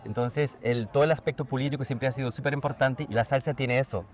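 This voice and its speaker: Talkative man DJ, mid-pitched. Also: fairly even intonation, fast. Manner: enthusiastic, talkative, lots of fillers. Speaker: guest DJ. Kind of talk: casual conversation.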